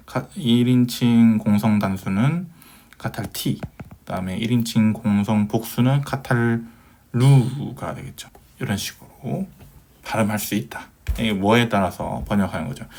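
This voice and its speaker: A man's voice: mid-range voice, a little mellow. A man giving a recorded Hebrew grammar lecture, patiently asking questions and answering them himself, with many fillers.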